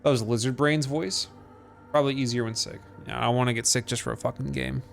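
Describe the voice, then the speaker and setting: A man's voice: mid-range voice, steady tone, fast, gravelly, soft background music. A man streaming a game, chatting casually and swearing freely. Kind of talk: casual gameplay commentary.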